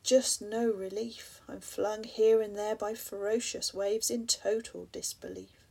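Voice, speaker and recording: Husky, gravelly woman reading poetry. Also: medium pitch, fairly even intonation, a little slow. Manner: soft, often breathy half-whisper, addressing the listener with reflective questions. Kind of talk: spoken-word poetry reading.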